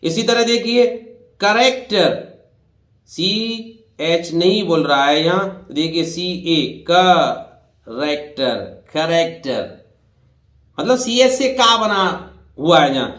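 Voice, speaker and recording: A man in his fifties teaching English pronunciation, speaking deliberately, repeating each word and spelling out letters while addressing listeners directly. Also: high-pitched, animated, a bit bright, roomy sound. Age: 50s. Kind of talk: classroom-style spoken lesson.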